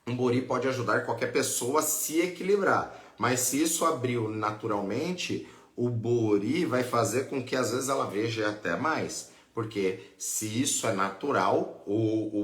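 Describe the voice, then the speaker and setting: A man's voice: medium pitch, fairly bright tone, echoey room. A man with a Brazilian accent, a priest and teacher explaining patiently as he answers questions on a live lesson. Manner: patient, explanatory, adds "né?" and "tá?" often.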